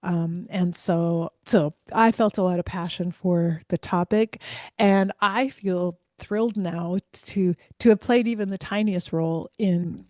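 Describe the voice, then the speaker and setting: A woman's voice: on the low side, a little slow, a little mellow, no echo, clean studio sound. A woman hosting an interview, a former hospice physician speaking earnestly and reflectively, sometimes restarting her sentences. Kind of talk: conversational interview.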